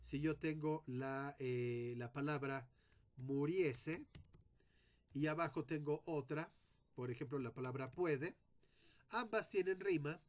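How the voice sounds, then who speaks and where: Man slowly teaching poetic meter. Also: on the high side. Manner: slow, deliberate, sounding out syllables one by one; addresses students directly. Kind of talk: spoken lesson on poetic meter.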